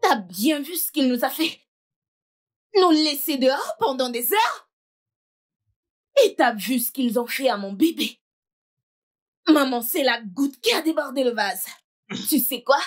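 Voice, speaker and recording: A fierce, vengeful daughter. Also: female voice, high-pitched, expressive, moderate pace. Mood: defiant. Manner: defiant, insistent. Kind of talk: French film dub.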